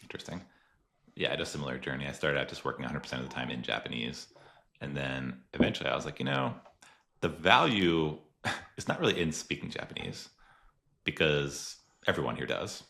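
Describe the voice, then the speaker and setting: A podcast host conducts a casual conversational interview, easygoing and chatty, using lots of fillers and laughing often. His rumbling low voice is gravelly and sharp, brisk in pace with lively intonation.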